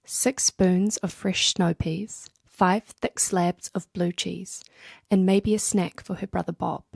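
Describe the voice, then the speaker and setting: A woman with a New Zealand accent hosting a soft-spoken ASMR video, reading scripts aloud in a slow, hushed, half-whispered voice close to the microphone. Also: on the low side, steady tone, dry recording. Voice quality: breathy and husky. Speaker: ASMR host.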